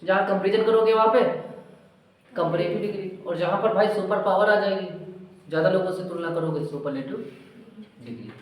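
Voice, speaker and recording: A man with a high voice teaches an English grammar lesson. He explains patiently and keeps asking the pupils questions. His voice booms around a very echoey classroom, with the mic some distance away. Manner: explains slowly, asks pupils questions and repeats their answers.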